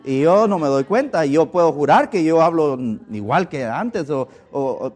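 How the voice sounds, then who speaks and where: A man with a Guatemalan Spanish accent delivers a sermon in a conversational tone, pitched a touch higher than most men. He talks earnestly and often doubles his words as he finds the next thought. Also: animated, normal speed, darkish tone, soft background music. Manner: earnest, repeats words while searching for them. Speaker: preacher.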